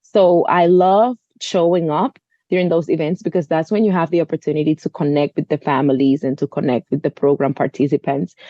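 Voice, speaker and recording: A woman's voice: lowish voice, mellow, no room sound, dull audio. A woman in her thirties from the Dominican Republic, speaking earnestly as an interview guest, often saying "you know.". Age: 30s. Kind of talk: conversational interview.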